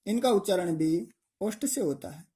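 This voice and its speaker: A man's voice: sits high, expressive, moderate pace, mellow. A man teaching pronunciation for exams, explaining step by step and asking and answering his own questions. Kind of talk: exam-prep grammar lesson.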